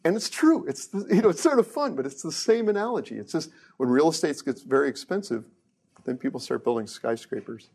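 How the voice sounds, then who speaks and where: A man's voice: on the high side, animated, fairly quick, gravelly, a little mellow, slightly rough. A middle-aged man, a research engineer, giving a casual technical lecture with joking asides and frequent restarts.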